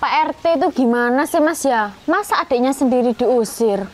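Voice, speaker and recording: A woman acting in a comedy sketch, talking in an agreeable, bright way. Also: high voice, lively intonation, moderate pace, heavy background noise.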